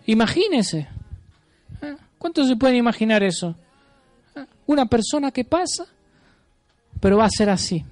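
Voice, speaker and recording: A man's voice: extremely high pitch, expressive, normal speed, long pauses, a little mellow, no room sound. A man preaching a sermon, declaring prophetic words with emphasis, often tagging lines with a questioning "ah?" and calling for amens. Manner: emphatic, keeps checking in with a questioning "¿ah?"; leads the congregation in amens and applause. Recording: dry sound with faint music behind.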